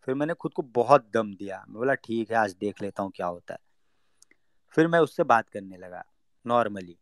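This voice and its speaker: A young man telling a personal story in a casual talk. He acts out the lines of the people in it and drops to a low murmur for his own thoughts. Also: lively intonation, moderate pace, no room sound.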